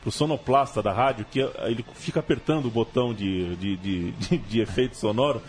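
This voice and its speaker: A man's voice: fairly low pitch, a little fast. A man with a Brazilian accent casually telling football stories as a show host. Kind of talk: casual football storytelling chat.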